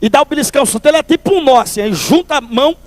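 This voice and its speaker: High-voiced man telling a church testimony. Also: very fast, no echo. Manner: lively storyteller, calls listeners brother. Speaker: testimony speaker at a church service. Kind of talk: humorous testimony storytelling.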